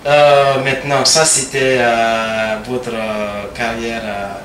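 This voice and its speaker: A man's voice: mid-range voice, level tone, takes it slowly, recorded from a distance, background noise. A man hosting a radio interview, often echoing his guest's answers back with hesitant fillers. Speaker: radio host. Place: radio studio.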